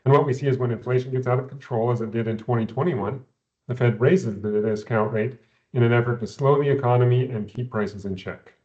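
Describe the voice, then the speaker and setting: A man, an investment adviser, explaining economics in a measured way, often repeating words at the start of phrases, heard over a video call. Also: medium pitch, darkish tone, highs cut off. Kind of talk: explaining economics in a recorded company Q&A.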